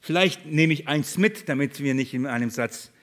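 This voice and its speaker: A man preaching a sermon in a church, his voice sitting a little high. He poses questions to the congregation and answers them, swinging from loud declarations down to hushed lines. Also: moderate pace.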